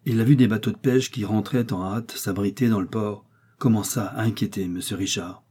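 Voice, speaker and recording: Low, dark-voiced male audiobook narrator. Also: fairly even intonation, moderate pace, breathy edge. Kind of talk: scripted narration of a novel.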